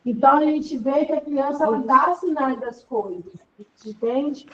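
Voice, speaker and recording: A woman's voice: high voice, unhurried, a bit bright, recorded from a distance, muffled recording. A woman teaching an online class in a chatty, rambling way, full of fillers.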